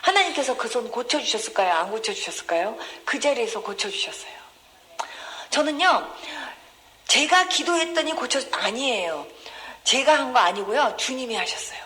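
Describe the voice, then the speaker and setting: A woman pastor preaching a testimony sermon in a church, emotive, breaking into high gasps and cries as she acts out scenes and questions the congregation. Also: big pitch swings, moderate pace, pushed and bright. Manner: addresses congregation directly with questions.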